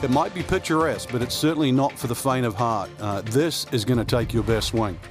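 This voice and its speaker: A man's voice: mid-range voice, a little fast, music in the background, lightly acted. A man giving conversational golf commentary as the analyst in a sports video game.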